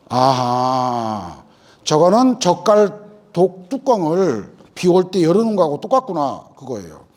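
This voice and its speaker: A man's voice: high voice, darkish tone. A middle-aged man lecturing farmers in a hall, telling folksy anecdotes and acting out what people said to him. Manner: folksy, tells anecdotes, acts out farmers' lines. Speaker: agricultural lecturer.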